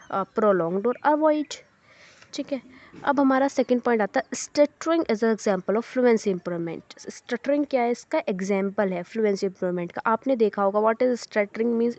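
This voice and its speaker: A woman teaching, who reads English points slowly and then explains them in a mix of Hindi and English, checking in with her listeners often. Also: medium pitch, darkish tone, no echo, highs cut off. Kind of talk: explanatory lecture.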